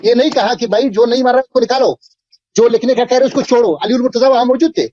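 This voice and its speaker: A man's voice: very high-pitched, dark tone, lo-fi sound. A Sunni cleric in a religious debate, explaining his point and pleading to be heard.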